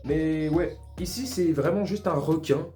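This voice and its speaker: Male vlogger reacting on the fly, mellow dark tone, faint music under it. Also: a little high, measured pace. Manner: amused, thinks aloud, reacts as he discovers. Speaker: art vlogger. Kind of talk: casual reaction commentary.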